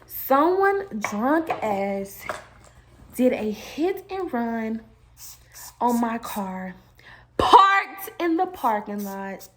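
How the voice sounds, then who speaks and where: Young woman, high voice, lively storytime vlogger who swears freely. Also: very slow, pauses often. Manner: animated and emotional, swearing, addressing viewers as y'all. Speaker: beauty vlogger telling a storytime. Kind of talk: casual storytime.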